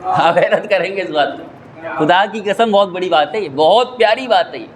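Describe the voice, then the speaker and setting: A male cleric giving an impassioned religious sermon, arguing rhetorically and rising to shouts, into a microphone in a mosque prayer hall. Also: high voice, a crowd in the background. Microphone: stand microphone.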